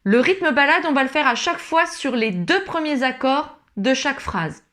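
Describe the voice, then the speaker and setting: A woman's voice: high-pitched, animated, normal speed, loud music behind the voice. A woman teaching ukulele in an online tutorial, encouraging and talking straight to the learner. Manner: encouraging, speaks directly to the learner. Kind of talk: friendly online music tutorial. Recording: loud ukulele playing under the voice.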